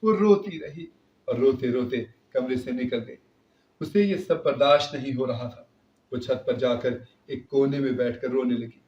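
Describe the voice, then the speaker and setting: A man telling a moral story in steady scripted narration. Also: mid-range voice. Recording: roomy, distant, dull recording.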